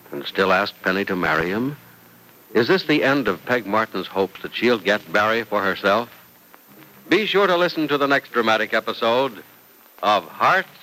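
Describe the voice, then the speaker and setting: A man's voice: lowish voice, sharp tone, a little hiss or hum, low-quality recording. A man speaking as an old radio announcer, reading scripted narration and ads with emphatic, dramatic salesmanship. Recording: old radio broadcast recording.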